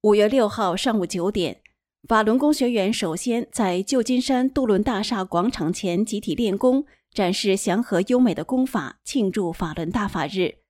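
A woman giving a scripted news report in an even, measured tone. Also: medium pitch, no echo, clean studio sound.

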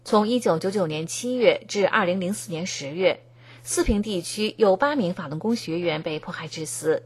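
Low husky woman reading the news. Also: normal speed. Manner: even, formal reading tone. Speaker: news reader. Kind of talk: scripted news narration.

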